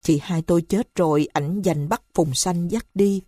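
A remorseful young husband pleads tearfully in this storybook reading, voiced by a woman. The voice sits low and dark with a husky edge. The sound is close and dry. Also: a little slow, dry recording. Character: grief-stricken young husband, rash and remorseful.

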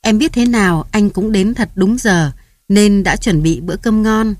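A woman reading the part of a gentle young woman in love, speaking sweetly. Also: medium pitch, unhurried, no room sound, clean studio sound, pitched above the performer's own voice, natural voice. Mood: fond.

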